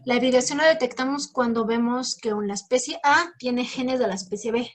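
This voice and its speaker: A woman lectures and fields questions from students. Her voice sits a little high, and she explains patiently, leaning often on fillers. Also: a little fast. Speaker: guest lecturer. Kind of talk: academic talk answering questions.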